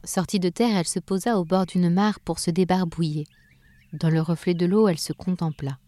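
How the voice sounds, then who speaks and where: A woman narrating a children's story in a gentle, expressive way. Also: lowish voice, moderate pace, no echo.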